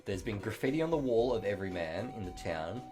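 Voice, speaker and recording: A man with a low voice talks his way through a video game on stream, circling back on his points with "um"s and restarts. His delivery is loose and conversational, piling one idea onto the next as he thinks aloud. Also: animated, fast, over music. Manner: rambling, theorizing with fillers. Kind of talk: casual gameplay chat.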